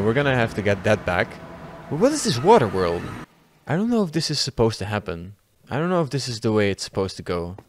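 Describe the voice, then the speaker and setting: A young man giving excitable let's-play commentary, swearing freely and chatting to his viewers. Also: mid-range voice, a little hiss or hum. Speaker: gaming YouTuber.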